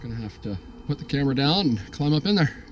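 Holding a camera at arm's length, a man in his thirties vlogs from his sailboat's cabin and deck at a marina, talking to the lens in a relaxed, easygoing way full of "uh" fillers. His mid-range voice moves at a quick pace, and the recording has its highs cut off plus a little hiss or hum.

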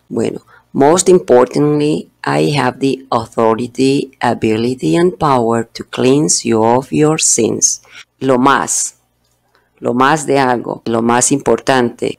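A man with a gravelly, creaky voice whose first language is Spanish teaches English at an unhurried pace. He goes through a religious text word by word, repeating each pronunciation slowly. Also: mid-range voice. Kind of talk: bilingual religious English lesson.

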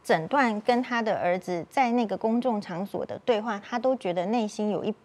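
A woman's voice: mid-range voice, a little fast, darkish tone. A woman doctor with a Taiwanese Mandarin accent, giving thoughtful commentary on a talk show. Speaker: doctor guest.

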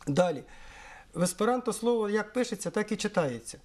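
A middle-aged man from Ukraine explaining things in an interview, measured and pausing often on fillers. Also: sits high, lively intonation, darkish tone. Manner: measured, with frequent hesitations and fillers. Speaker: interviewee, Esperanto historian.

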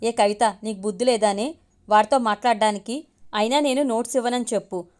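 A proud college girl with a sharp tongue, scolding and brushing people off, as a woman reads her part. She is a storybook figure read aloud in a somewhat high voice. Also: a little fast, lightly acted. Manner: scolding, dismissive.

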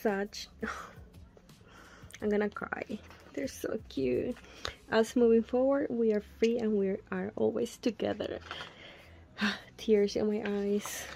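Slow-talking gushing young woman. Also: medium pitch. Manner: gushing, breathy gasps and soft whispered asides. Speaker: fan unboxing a photobook. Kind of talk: casual unboxing commentary.

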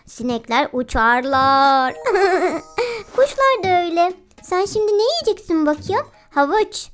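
Sing-song and slow, this very high-pitched female voice belongs to a host of children's game videos. She coos, exclaims and often giggles while chatting with animals and the kids watching, with music in the background.

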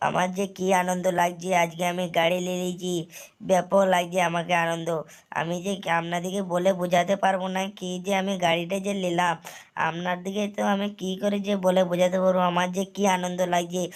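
A woman narrating a first-person game story in a rambling, repetitive way, speaking straight to viewers. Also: fairly low pitch. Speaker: gaming channel narrator.

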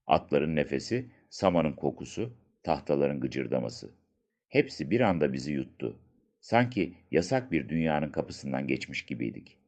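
Very deep-voiced man narrating a story. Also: a little mellow. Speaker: audiobook narrator. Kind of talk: scripted first-person story narration.

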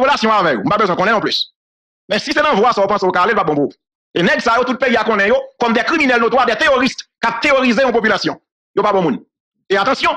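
A man from Haiti delivers solo political commentary in a high, sharp voice. He talks at a rapid clip, hammers his key phrases again and again, and laughs briefly between points.

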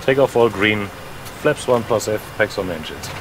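A German-accented man, a co-pilot whose first language is German, reading checklists crisply over cockpit headset intercom audio. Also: fairly low pitch, expressive, normal speed, background noise. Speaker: airline co-pilot. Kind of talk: checklist callouts and radio calls. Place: airliner cockpit.

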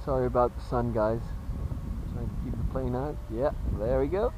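A man casually commentating as he flies a model jet outdoors, relaxed and chuckling. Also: medium pitch, noisy background. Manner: relaxed, chuckling, talks slowly while flying. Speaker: RC jet pilot reviewer. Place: outdoor flying field.

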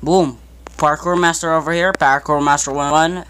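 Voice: medium pitch, fairly even intonation, normal speed, a bit bright. A young adult gamer giving casual, bantering, self-mocking commentary over gameplay in an amateur recording. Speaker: gaming video maker. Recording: noisy amateur game recording.

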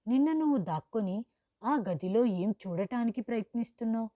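A woman's voice: on the high side, expressive, fairly quick, mellow, no echo, close to an everyday voice. A woman voicing an arrogant seventeen-year-old boy who speaks in a cold, threatening way. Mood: menacing.

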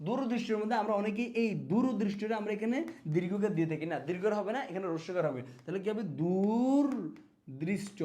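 A man teaching an exam spelling lesson, speaking to students as friends and repeating words so they stick. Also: sits high. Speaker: exam prep tutor.

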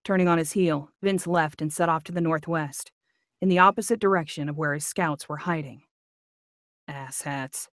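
A woman's voice: deep voice, steady tone, brisk, no echo, studio quality. A woman audiobook narrator, reading aloud and then chatting playfully. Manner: playful, laughs easily. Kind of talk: live reading and casual chat.

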